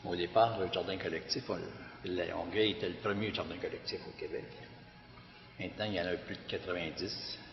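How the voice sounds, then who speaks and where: A man with a deep Québécois voice tells an audience about his community garden. His talk is halting, full of "euh" and restarts. The sound is a dull lo-fi recording with a long echo from the hall. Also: fairly even intonation, soft background music. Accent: Québécois French. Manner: hesitant, many fillers and restarts. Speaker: director of a community garden organization. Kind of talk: public testimony talk.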